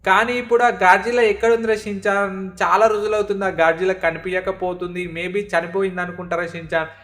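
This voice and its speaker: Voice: mid-range voice, level tone, fast talker, fairly bright tone, close to an everyday voice. A performer voicing a worried, fussing uncle who scolds and keeps calling for the boy, in a fan-dubbed game parody. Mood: casual.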